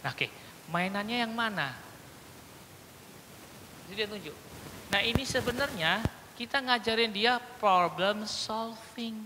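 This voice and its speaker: A teacher trainer giving a workshop lecture to teachers, lively, acting out short child and teacher dialogues and often checking that the audience follows. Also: medium pitch, normal speed, noisy background. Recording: long hall reverb.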